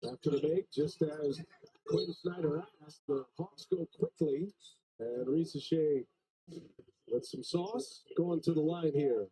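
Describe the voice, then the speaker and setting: A man calling live basketball play-by-play, reading out stats between plays in a brisk way. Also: fairly high pitch, warm tone, low-quality recording. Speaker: play-by-play commentator.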